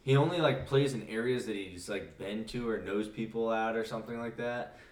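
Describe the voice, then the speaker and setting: Low-ish guy host rambling with lots of um and like, roomy echo. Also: moderate pace, recorded from a distance. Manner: rambling, many fillers. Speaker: podcast host. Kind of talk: casual chat.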